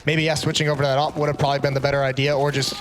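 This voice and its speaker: A man's voice: medium pitch, flat delivery, very fast. A man commentating as an esports caster, mixing play calls with analysis.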